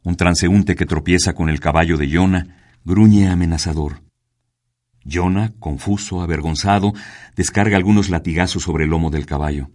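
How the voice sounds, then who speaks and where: A man reading a story aloud as narrator, measured and unhurried. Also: low voice, a little mellow. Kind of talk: scripted narration.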